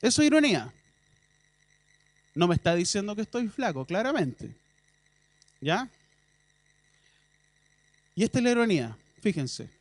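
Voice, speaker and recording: A man's voice: high voice, sing-song, a little slow, long pauses, dry recording. A man with a Chilean Spanish accent preaching a sermon in a church, talking in a conversational way with ironic asides and emphatic bursts.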